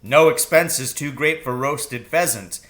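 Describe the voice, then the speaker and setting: Exuberant, emphatic storybook father, bright-voiced man acting. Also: medium pitch, unhurried, lightly acted. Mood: eager. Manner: emphatic, grandly excited declarations. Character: exuberant, boastful, loving father, grown man with boyish glee. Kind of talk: children's storybook reading.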